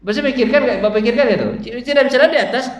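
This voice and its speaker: A man's voice: very high voice, fast talker. A man, giving a conversational dawn study lecture in a mosque, constantly quizzing his listeners and using homely, humorous examples. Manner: chatty, quizzes the audience with constant questions. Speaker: Islamic preacher. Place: mosque hall. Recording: echoey mosque hall, faint background noise.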